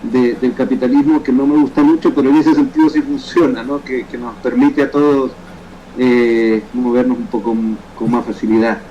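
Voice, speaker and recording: A Salvadoran man in his fifties answers questions in a remote interview, thoughtful and halting, often restarting his sentences. His voice sounds mellow and dark. The call audio is muffled, with faint noise behind it. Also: medium pitch, steady tone. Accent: Salvadoran Spanish. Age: 50s. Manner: reflective, halting, frequent restarts. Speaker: guest, photographer and poet.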